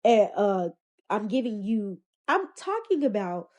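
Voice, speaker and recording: Chatty woman with a mellow voice. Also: medium pitch, very animated, measured pace, poor audio. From Memphis, Tennessee, US. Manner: chatty, sassy, rambling with fillers. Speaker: vlogger. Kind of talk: casual confessional vlog. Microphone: phone camera.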